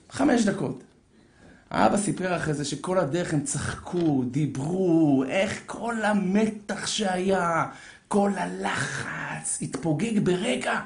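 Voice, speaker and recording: Guy spinning a suspenseful story, high voice all over the place, echoey room. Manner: lively, acts out voices, builds suspense. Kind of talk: animated storytelling to an audience.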